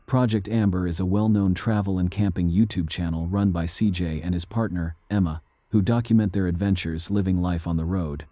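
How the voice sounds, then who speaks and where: A man narrates eerie tales in a slow, measured, ominous way. His voice sits very low and dark, recorded close and dry with no room around it. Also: steady tone, no echo. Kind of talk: scripted narration.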